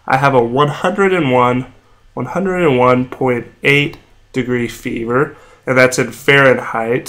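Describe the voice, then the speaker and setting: A young male medical educator with a mid-range, heavily congested and nasal voice draws on a whiteboard as he lectures, sounding feverish and sore-throated. His explanation is plain and steady, and he slows down to spell out every medical term.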